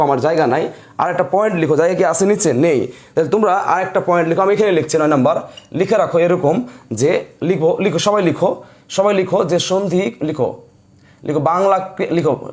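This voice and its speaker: A man's voice: sits high, a little mellow. A man with a Bangladeshi Bengali accent teaching a grammar class, dictating notes, quizzing his students and repeating each point.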